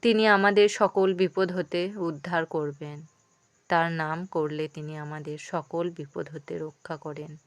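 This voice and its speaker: Woman devotional storyteller, gentle preaching manner, lowish smooth voice, close mic. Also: steady tone, a little slow, no echo.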